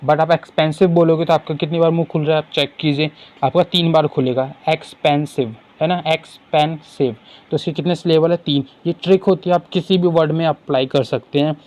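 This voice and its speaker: Male exam tutor, higher voice, asks and answers his own questions, reads English lines slowly. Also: steady tone, darkish tone. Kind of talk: explaining exam questions in Hindi with English terms.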